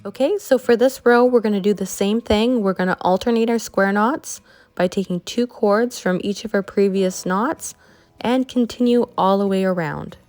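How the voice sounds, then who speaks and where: A woman's voice: mid-range voice, moderate pace, a little mellow, faint music behind. A woman with a Canadian accent, explaining a craft project step by step in a friendly, chatty way. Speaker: craft instructor. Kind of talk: tutorial voice-over.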